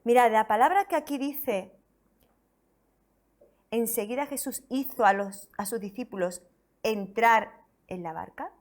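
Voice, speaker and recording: High-voiced woman pastor preaching. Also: a little slow, long pauses. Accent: Spain Spanish. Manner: expressive scripture reading, rhetorical questions to the congregation. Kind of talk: sermon.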